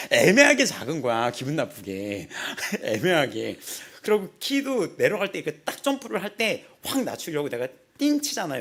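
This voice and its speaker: Animated, husky-voiced young male pastor. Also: on the high side. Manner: animated storytelling, acts out quotes, laughs often. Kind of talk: casual sermon with personal stories. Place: small church.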